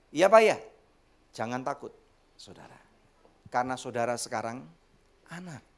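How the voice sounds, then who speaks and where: A male pastor preaching a sermon to a congregation, animated and joking, with sudden loud bursts and acted-out quotes. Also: high voice. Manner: addresses the congregation often, jokes and laughs. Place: church service.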